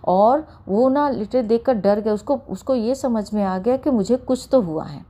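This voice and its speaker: A woman's voice: fairly high pitch, animated, moderate pace, dark tone. A middle-aged woman telling a personal experience in earnest, often calling her listeners by a respectful address. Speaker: satsang sharer. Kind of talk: personal testimony.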